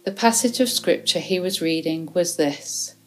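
A woman reading a Bible chapter aloud in a measured, even way, now and then correcting a word. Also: lowish voice, soft background music, rough recording. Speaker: scripture reader.

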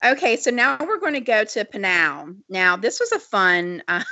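Lady cohost, chatty animated storyteller, cackle laugh, kinda dull lo-fi sound. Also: medium pitch, normal speed, no echo. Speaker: podcast co-host. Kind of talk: casual chat. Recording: slightly dull lo-fi audio.

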